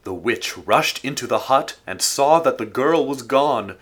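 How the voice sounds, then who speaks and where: A man narrating a folk tale in a steady, expressive storytelling manner. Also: medium pitch, a little slow, slightly rough.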